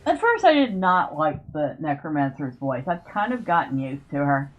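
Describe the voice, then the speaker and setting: Low-voiced woman gamer thinking aloud. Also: very animated, moderate pace, narrow, tinny audio. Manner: thinks aloud, explaining choices. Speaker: gamer commentating on own play. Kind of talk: casual gameplay commentary. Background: music.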